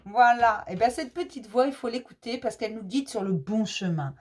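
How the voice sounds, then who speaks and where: A woman hosts a daily spiritual card message in a gentle, reassuring tone. She addresses her viewers fondly and repeats her points on purpose. Her voice sits a little higher than average. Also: moderate pace. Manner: warmly addresses viewers as dear ones. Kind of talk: casual spiritual advice to viewers.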